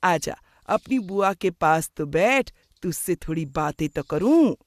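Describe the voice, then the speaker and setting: A woman's voice: fairly low pitch, lively intonation, unhurried, no room sound. A woman voicing a fond chatty aunt. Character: affectionate middle-aged aunt who teases.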